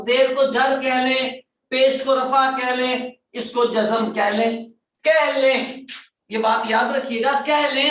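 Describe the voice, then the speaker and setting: A male grammar teacher leading an online class. He repeats key terms, quizzes his students and stretches words slowly for emphasis. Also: very high voice, pushed and bright. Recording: very echoey room, voice far from mic.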